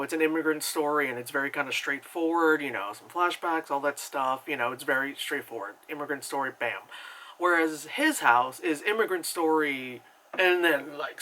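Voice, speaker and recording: A young man reviews a movie casually, rambling and plugging gaps with lots of "like" and "you know." His slightly high voice has a bright, forward edge, and he's chatty and animated, jumping into high, acted reactions. The recording is rough.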